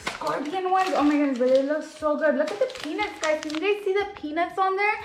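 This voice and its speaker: A woman's voice: high-pitched, brisk, slight background noise. A woman reviewing snacks in a casual vlog, gushing and bubbly, saying "like" and "guys" constantly and dropping in Spanish phrases. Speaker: food reviewer. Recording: echoey room.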